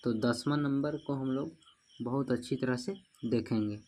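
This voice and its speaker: A man's voice: mid-range voice, moderate pace, darkish tone, a little hiss or hum. A man teaching a grammar lesson, repeating each rule and spelling words out syllable by syllable, often checking in with "okay?". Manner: repeats rules, asks "ठीक है ना" often.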